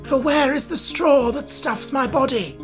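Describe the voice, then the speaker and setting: Scarecrow, as a woman reader puts him on, high and mournful. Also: a little slow, faint music behind. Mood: dismayed. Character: ruined Scarecrow head, male, noble, self-pitying.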